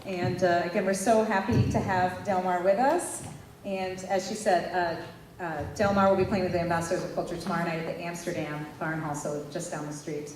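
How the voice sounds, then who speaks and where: A woman's voice: on the low side, steady tone, fairly quick. A woman interviewing a guest on stage, speaking with many fillers and restarts. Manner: warm, hesitant, many fillers. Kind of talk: onstage interview. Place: conference hall stage. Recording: roomy hall sound from far off, faint noise.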